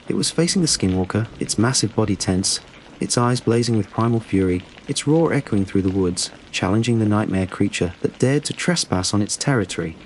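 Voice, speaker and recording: A man reading a scripted horror story in a steady, measured storytelling delivery. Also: fairly low pitch, slight background noise, rough recording. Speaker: narrator.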